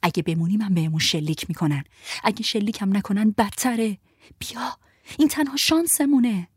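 A woman's voice: lowish voice, husky, no room sound, clean studio sound. A woman voicing a bruised, fierce young woman urging escape, in a whispered role-play. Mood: urgent. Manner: urgent hushed pleading.

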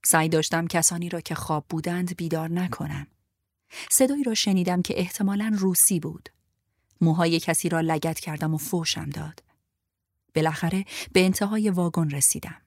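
Low-voiced woman narrating an audiobook. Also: fairly even intonation, a little mellow, no room sound, studio quality. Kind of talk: first-person scripted narration.

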